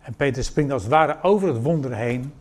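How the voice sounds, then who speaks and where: Dutch-speaking male preacher, animated storytelling. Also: mid-range voice, fairly quick. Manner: animated storytelling, acting out quoted dialogue. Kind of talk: sermon.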